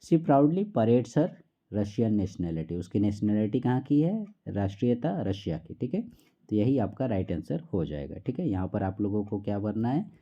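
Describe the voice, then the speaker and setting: A man walks learners through a quiz in a low, mellow voice, and he reads each question out slowly before explaining it. The audio is dull and lo-fi. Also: sing-song. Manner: repeats "theek hai" often, reads questions slowly. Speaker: teacher.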